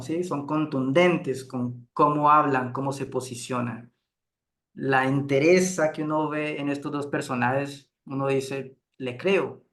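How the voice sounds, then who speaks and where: Unhurried man teaching a class. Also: a little high, fairly bright tone. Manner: unhurried, checks in with frequent "¿sí?". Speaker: group facilitation instructor. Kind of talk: relaxed lecture to a class.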